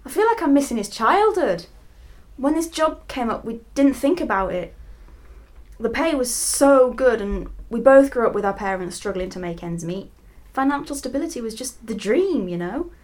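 British female, acting, tender homesick mother for audio drama; animated, fairly high voice. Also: moderate pace, natural voice. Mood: tearful, homesick. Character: homesick, tender mother working far from her family.

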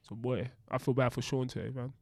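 A man's voice: mid-range voice, steady tone, fairly quick, creaky, no room sound. A man with a London accent co-hosting a podcast, bantering and telling anecdotes in slangy, jokey speech that often repeats phrases. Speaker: podcast co-host. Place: podcast studio.

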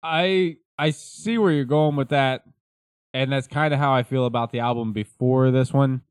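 A man's voice: mid-range voice, steady tone, normal speed, clean tone, no room sound, studio quality. A man co-hosting a casual music podcast, talking in a wry, rambling way and often correcting himself. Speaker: podcast co-host. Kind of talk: casual chat about music.

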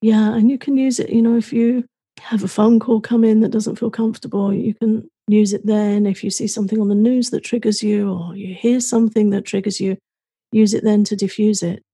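A woman co-hosting a podcast, giving calm self-help advice in a conversational way. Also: mid-range voice, brisk, husky, no room sound, clean studio sound. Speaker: podcast co-host.

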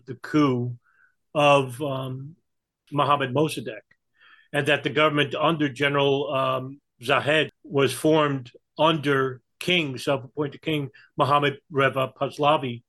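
A man with a New York accent giving conversational political and historical commentary, in a halting way with frequent hesitations. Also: medium pitch, fairly bright tone, low-quality recording. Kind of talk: conversational explanation.

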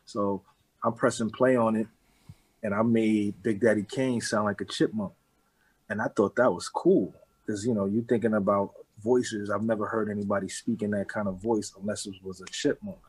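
A man's voice: on the low side, fairly even intonation, normal speed, darkish tone, husky, poor audio. A man in his forties from the Bronx with a New York accent, talking casually as an interview guest, loose and street-casual. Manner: loose and street-casual, with frequent "you know what I'm saying".

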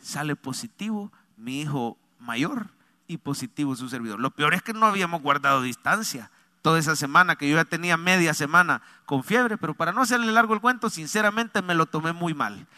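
A middle-aged man, a pastor, giving a testimony sermon in church, moving between hushed confession and fervent preaching, calling listeners brother and church. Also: fairly high pitch, lively intonation, fairly quick. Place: church before a congregation.

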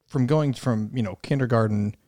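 A man's voice: medium pitch, moderate pace, warm tone, dry recording, studio quality. A man hosting a casual interview, blunt and slangy with a joking edge. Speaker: podcast host.

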